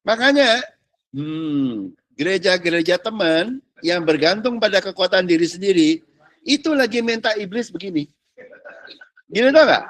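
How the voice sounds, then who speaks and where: A man's voice: high voice, expressive, normal speed, fairly bright tone, dry recording. A male pastor preaching casually, with slang and rhetorical questions, slipping in English phrases. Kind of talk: sermon.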